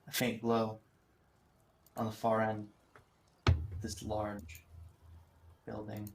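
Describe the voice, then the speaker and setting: A man's voice: fairly low pitch, completely flat delivery, slow pace, creaky, background noise. A man narrating a tabletop role-playing game as game master.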